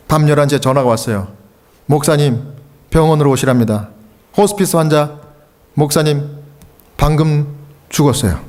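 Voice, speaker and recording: Korean pastor preaching, high-pitched man. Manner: acts out quoted voices, shouting the high parts. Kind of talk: revival sermon with storytelling. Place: church sanctuary.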